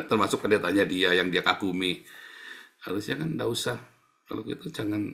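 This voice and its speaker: A man's voice: fairly low pitch, vocal fry, a bit bright. A middle-aged male pastor preaching a sermon in a blunt, scolding, mocking way, acting out the people he quotes and laughing between points. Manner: acts out quoted people in shifted voices.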